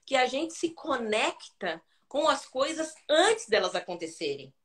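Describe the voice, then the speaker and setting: Brazilian singer lady on a live, high voice, tells stories all dramatic and laughing. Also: measured pace. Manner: animated, dramatic retelling with laughter. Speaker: guest singer. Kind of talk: live stream storytelling.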